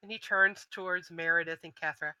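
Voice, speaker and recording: A woman narrating as game master of a tabletop role-playing game, describing scenes in an unhurried way. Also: on the low side, fairly even intonation, sharp tone, clear, resonant tone, no room sound, poor audio.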